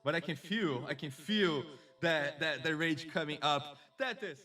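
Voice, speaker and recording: A man's voice: a little high, unhurried, sharp tone, recorded from a distance. A man hosting a casual live stream, chatty and effusive, greeting viewers and a co-host.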